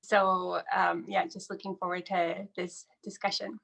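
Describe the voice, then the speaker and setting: A woman's voice: on the low side, level tone, a little slow, gravelly, fairly bright tone, poor audio. A woman in her thirties from British Columbia, speaking as a panelist in a hesitant, conversational way. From British Columbia, Canada. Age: 30s. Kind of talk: casual discussion.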